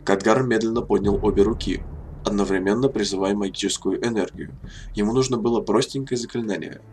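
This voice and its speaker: Low-voiced male audiobook narrator. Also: slight background noise. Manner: steady, measured reading. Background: faint music.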